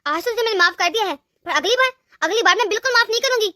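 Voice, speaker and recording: A woman's voice: extremely high pitch, animated, fast, pushed and bright, no echo, clean studio sound, exaggerated voice. A woman voicing a harsh, bossy mother-in-law in a cartoon story, berating her daughter-in-law. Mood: scolding. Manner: scolding, berating.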